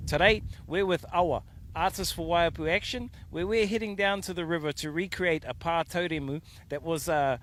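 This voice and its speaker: Male field reporter, Māori New Zealand accent, slightly high voice, light outdoor background noise. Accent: Māori New Zealand English. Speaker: on-location news reporter. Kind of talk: on-location video reporting. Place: outdoors by a river valley.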